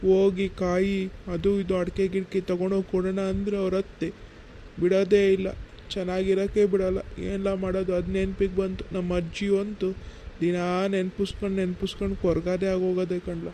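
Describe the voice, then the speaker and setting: A man's voice: high-pitched, monotone, fairly quick, warm tone, a little hiss or hum, close to an everyday voice. A man voicing Rangajja, a fretful old village grandfather. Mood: sorrowful. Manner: folksy, rambling village talk.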